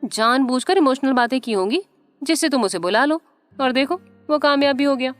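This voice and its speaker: A woman's voice: sits high, moderate pace, soft background music, voice pushed up, natural voice. A woman narrator voicing an insistent young woman in an audio story. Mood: scolding. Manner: insistent, raised voice. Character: young woman, lively and teasing.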